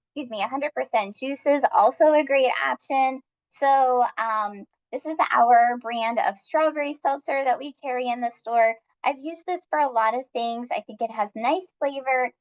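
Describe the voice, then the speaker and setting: A woman's voice: high voice, highs cut off. A woman leading a live-streamed cooking class, upbeat and chatty as she talks viewers through each step.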